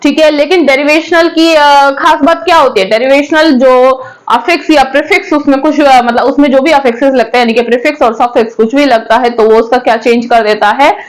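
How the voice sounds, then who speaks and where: High-pitched woman teacher with a Hindi accent, patient quizzing style for an online grammar lesson. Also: fairly even intonation, a little fast, poor audio. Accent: Hindi-accented English. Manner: asks questions and answers them herself.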